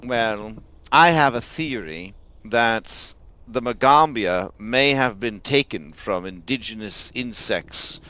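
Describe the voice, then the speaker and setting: A man chatting casually as a player in a tabletop roleplaying game, with a wry, playful deadpan manner. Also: medium pitch, takes it slowly, hardly any pauses, smooth, dull audio. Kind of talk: casual in-character game chat.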